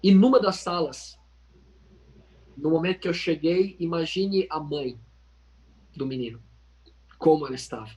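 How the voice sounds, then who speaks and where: A man's voice: a little high, a little slow, pauses often, a little mellow, poor audio. Earnest Brazilian man teaching over video call. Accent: Brazilian Portuguese. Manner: earnest storytelling, addresses listeners directly. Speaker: Bible study leader. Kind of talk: informal Bible study teaching.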